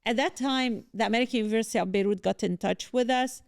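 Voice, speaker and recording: A woman professor from Lebanon, giving a steady, orderly account of her career as an interview guest. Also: on the high side, fast, gravelly, dry recording, studio quality. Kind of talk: interview answers.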